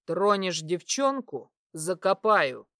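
A woman's voice: big pitch swings, fairly bright tone, no room sound, clean studio sound, exaggerated voice. A woman doing a growling bear-man protector. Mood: threatening. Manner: low, slow, commanding growl. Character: hulking bear werewolf man, protective and threatening.

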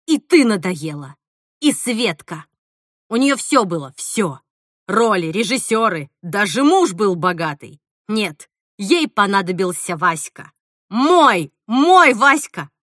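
A woman reading an audiobook, voicing a bitter, vengeful actress who hisses and shouts in an unhinged way. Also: medium pitch, sing-song, measured pace, dry recording, clean studio sound. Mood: furious.

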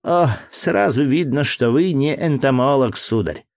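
A man putting on a shrill, fussy scholar. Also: expressive, unhurried, close to an everyday voice. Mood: fussy, lecturing. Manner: indignant, pedantic, lecturing. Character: fussy, excitable learned male entomologist. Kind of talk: audiobook character voice.

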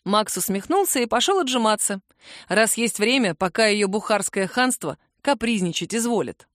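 A woman's voice: mid-range voice, expressive, moderate pace, no echo, studio quality. Woman narrating an ironic story. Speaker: audiobook narrator. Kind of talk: scripted narration.

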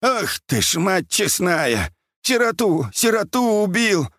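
This is a shrill, hollering old watchman from an audiobook, played by a man. He wails and fusses in a high, lively voice, close and dry. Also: measured pace, no room sound. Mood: lamenting. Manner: wailing, shouting, fussing. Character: old male dam watchman, frantic war veteran.

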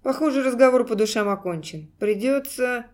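A woman's voice: on the high side, lively intonation, moderate pace, a little mellow, close to an everyday voice. A woman reading an audiobook, voicing a stern, threatening man who speaks curtly. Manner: curt, threatening. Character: stern menacing adult man.

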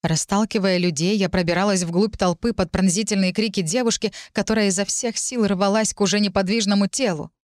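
A woman's voice: medium pitch, steady tone, a little fast, hardly any pauses, dry recording. Woman reading a dramatic audiobook, dry. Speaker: audiobook narrator. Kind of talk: first-person audiobook narration.

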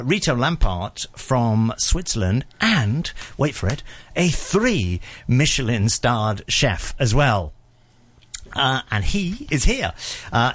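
A man's voice: medium pitch, fairly bright tone. A man hosting a morning radio show, introducing and interviewing a guest in a conversational way with lots of "uh". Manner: conversational, frequent "uh" fillers. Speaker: radio host.

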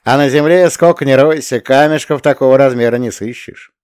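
A man voicing an eager, boastful young male planetologist in an audiobook, higher and louder than his own reading voice. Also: clean tone, no echo, studio quality, natural voice. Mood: proud. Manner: eager, rapid-fire, boastful.

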